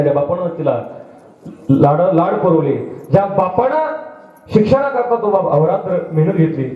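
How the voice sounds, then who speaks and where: A man preaching a devotional sermon with humor, rhyming in a sing-song and speaking directly to his listeners, heard through an echoey, dull loudspeaker from a distance. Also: medium pitch. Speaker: kirtan preacher. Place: public religious gathering over loudspeakers. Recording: echoey, dull PA sound from far off.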